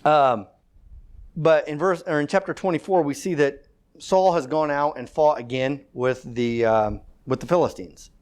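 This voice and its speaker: A man's voice: on the high side, moderate pace, a little mellow. A man leading a casual Bible study. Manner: conversational, with fillers and self-corrections. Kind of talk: informal Bible study, reading scripture aloud and explaining.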